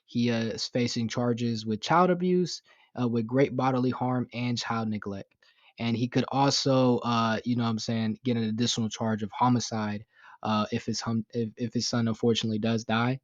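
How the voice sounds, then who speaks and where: A man's voice: mid-range voice, fairly even intonation, moderate pace, no echo, dull audio. A young man giving casual commentary on a news story, rambling with lots of fillers, swearing and sounding indignant. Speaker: YouTube commentator.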